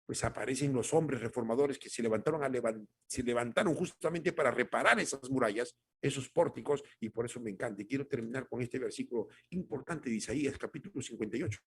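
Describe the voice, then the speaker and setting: A male pastor preaching a devotional sermon. He calls his listeners brothers, repeats phrases for emphasis and moves between loud exhortation and quiet, low remarks. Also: quick pace, hardly any pauses, slightly rough. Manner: swings from loud exhortation to soft, low delivery.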